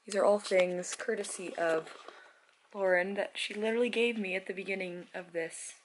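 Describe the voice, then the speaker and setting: A young woman vlogging casually to camera from a hotel room, hoarse and losing her voice, chatty and self-mocking. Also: mid-range voice, fairly even intonation, normal speed, a little hiss or hum. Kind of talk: casual vlog chat to camera.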